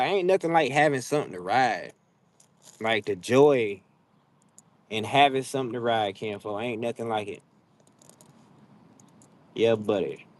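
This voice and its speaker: A man in his fifties chatting casually on a livestream, rambling and laid-back with many fillers. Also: mid-range voice. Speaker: livestream host.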